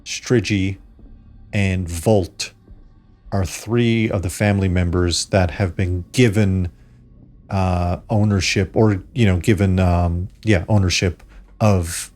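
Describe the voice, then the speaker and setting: A man with a fairly low voice narrates as the game master of a tabletop role-playing game. He lays out the world in halting, improvised exposition. Faint music plays behind him. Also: steady tone, darkish tone. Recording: background music under the voice.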